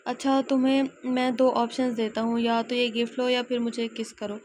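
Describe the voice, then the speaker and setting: A woman's voice: on the high side, little pitch movement, moderate pace, a little mellow, slight background noise, natural voice. A woman voicing a commanding, hot-tempered rich young man in a romance audiobook. He talks in a teasing, bossy way.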